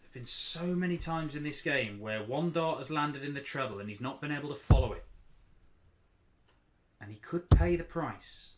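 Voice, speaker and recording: A man's voice: medium pitch, animated, moderate pace. A man giving live darts commentary, analysing the players' choices and reacting to each throw. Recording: loud background noise, clicks.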